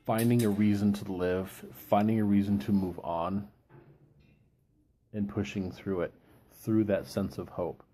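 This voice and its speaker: Guy w a soft dark mellow voice, kinda low, thoughtful halting solo chat, bit of background noise. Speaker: book reviewer giving an informal chat. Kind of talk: reflective solo talk, quoting and explaining.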